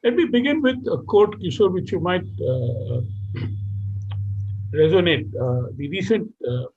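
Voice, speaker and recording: A man opens a webinar with formal, measured remarks, pausing often on fillers. His voice sits a little high. The sound is dull and lo-fi, like a video call. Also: lively intonation, a little hiss or hum. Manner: measured, hesitant with frequent uh fillers. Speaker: webinar moderator.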